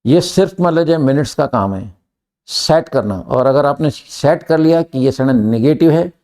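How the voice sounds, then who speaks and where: A middle-aged Indian man teaches grammar, switching between Hindi and English. His voice is gravelly and dark, and he slows right down to dictate each example sentence. He keeps checking with his students by asking "clear?". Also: medium pitch, lively intonation.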